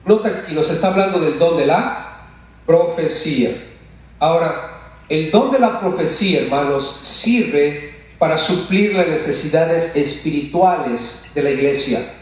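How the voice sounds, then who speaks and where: A man's voice: a little high, animated, measured pace. A pastor preaching a sermon and asking his congregation questions. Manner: asks the congregation questions, calls them brothers. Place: church. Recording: echoey church sound from far off.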